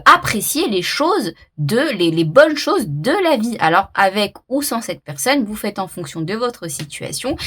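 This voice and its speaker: A woman's voice: medium pitch, a bit bright. A woman giving a casual oracle card reading to her viewers, thinking aloud with many fillers and restarts. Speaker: tarot reader.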